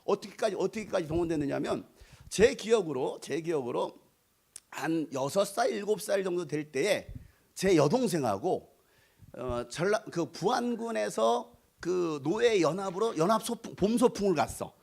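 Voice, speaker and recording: A middle-aged man from North Jeolla preaching a revival sermon in a church. His voice sits high and swings widely in pitch, and he tells stories in a playful, animated way, sometimes acting out voices and joking with the crowd. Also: normal speed, gravelly. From Korea, North Jeolla. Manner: animated and playful, sings snatches of song and acts out voices; jokes with the congregation and asks them to raise hands. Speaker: pastor. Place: church sanctuary.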